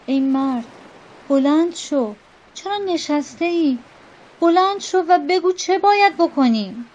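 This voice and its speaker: A woman voicing a proud, short-tempered male ship captain in a storybook reading, speaking in sharp, impatient bursts. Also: fairly high pitch, animated. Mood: pleading. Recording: dull lo-fi with faint music.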